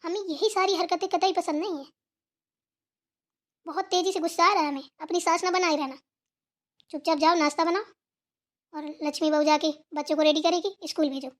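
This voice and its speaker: A woman's voice: extremely high pitch, steady tone, a little fast, pauses often. A woman voicing a stern elderly grandmother who scolds her daughters-in-law in an authoritative tone.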